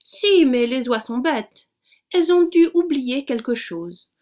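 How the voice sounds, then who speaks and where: A woman's voice: high-pitched, slow pace, voice pushed up. A woman voicing a boastful, peremptory male blackbird in a storybook reading. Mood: know-it-all. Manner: excitable, peremptory, shouting exclamations.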